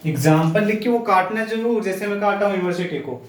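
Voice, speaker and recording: A man's voice: sits high, expressive, fast talker. A male English teacher. He explains grammar in a lecture, calls his students "sir" and chants the vowels. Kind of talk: classroom lecture. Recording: very echoey room, far from mic.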